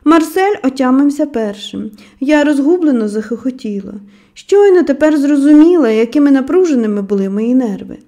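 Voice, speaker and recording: High, mellow-voiced woman reading aloud. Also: lively intonation, moderate pace. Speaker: audiobook narrator. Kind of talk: scripted audiobook narration.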